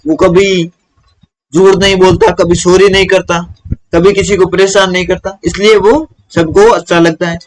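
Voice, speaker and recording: A man's voice: high-pitched, level tone, moderate pace, rough recording. A man teaching a primary school lesson to children, who asks questions and answers them himself.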